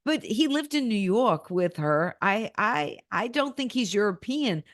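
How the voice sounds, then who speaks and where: A woman's voice: mid-range voice, animated, a little slow, no echo. Chatty woman with a dry close mic. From Boston area, USA. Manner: chatty, laughs often, restarts mid-sentence. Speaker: podcast co-host. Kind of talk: casual chat.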